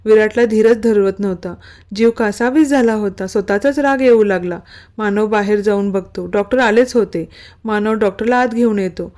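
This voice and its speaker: A woman reading a romance story aloud with steady, even narration. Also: mid-range voice, normal speed.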